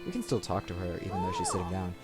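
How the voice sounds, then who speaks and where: This low-voiced man talks fast, his pitch swooping wildly as he hosts a let's play. He rambles and thinks out loud into a desk mic in casual gaming commentary, with video game music running underneath.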